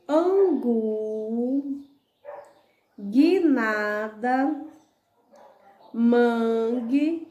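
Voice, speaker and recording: A Brazilian woman speaks in a fairly high voice, slowly and patiently, as she goes through a school lesson. She sounds out each syllable and keeps checking that the children follow. Her voice carries the echo of a bare room. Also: darkish tone. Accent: Brazilian Portuguese. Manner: slow, patient, spells out syllables and letters one by one; checks in often with "tá bom?" and "né?". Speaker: primary school teacher. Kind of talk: recorded lesson, correcting homework.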